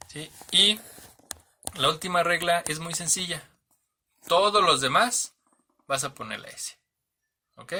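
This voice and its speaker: A man gives a casual online grammar lesson in a very bright, sharp-edged voice. He talks in a patient, teacherly way, spells out letters one by one, and keeps checking that the listener follows. His pitch sits in an ordinary middle range. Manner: patient, checks in often with "¿sale?" and "¿ok?"; spells out letters slowly, restarts and corrects himself. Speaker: English teacher.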